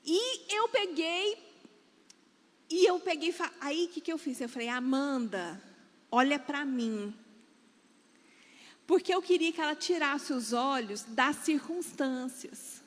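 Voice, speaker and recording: Brazilian woman preacher, high voice, long echo in a big church hall. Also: a little slow. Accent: Brazilian Portuguese. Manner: lively storytelling, acting out quoted voices. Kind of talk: church talk telling a personal story.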